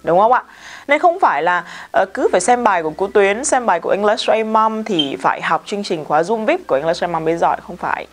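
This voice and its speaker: A woman English teacher with a Vietnamese accent, modelling words and example sentences slowly, then chatting quickly in asides. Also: medium pitch, lively intonation. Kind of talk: vocabulary pronunciation lesson.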